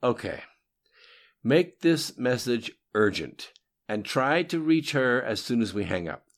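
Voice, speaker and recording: A man's voice: mid-range voice, very animated, measured pace, voice pushed up. A man voicing an urgent, insistent ambassador. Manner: insistent, clipped commands. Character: urgent, commanding male ambassador under pressure.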